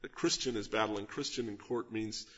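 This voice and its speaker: A pastor delivers an expository sermon in a husky, somewhat breathy voice that is fairly low-pitched and fairly bright, at a moderate pace. He teaches earnestly, stressing key words and putting rhetorical questions to his listeners, and the recording is slightly dull and lo-fi.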